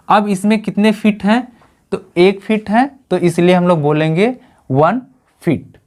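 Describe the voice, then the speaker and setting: A woman's voice: on the low side, a little mellow. A woman teaching as a lecturer for exam preparation, who asks her own questions and answers them, with many English terms mixed in. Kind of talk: exam-prep lecture on poetic meter.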